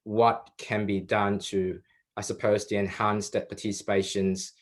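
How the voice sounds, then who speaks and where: This is a young man, hosting an online panel over a video call. His voice sits on the low side, and he talks in a relaxed, rambling way, filling pauses with ums and often restarting his sentences. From Malaysia. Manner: loose and conversational, with many ums and restarts. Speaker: webinar co-moderator. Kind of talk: live webinar hosting.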